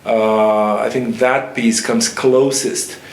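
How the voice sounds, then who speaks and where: A man speaking haltingly with many fillers as a panelist and organizer in a discussion. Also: medium pitch, steady tone, gravelly. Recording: echoey hall, faint noise.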